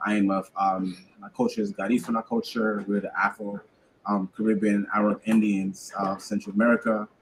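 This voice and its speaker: A man's voice: on the low side, little pitch movement, a little fast, slight background noise, poor audio. A man from Honduras, a guest on a radio talk show, speaking hesitantly with many fillers. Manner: hesitant, full of fillers and restarts. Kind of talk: casual radio interview.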